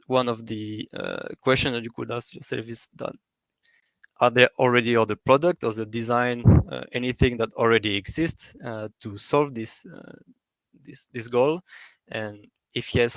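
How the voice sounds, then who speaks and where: A man giving an academic presentation, talking in a halting way with many fillers and restarts. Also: mid-range voice, steady tone, no room sound.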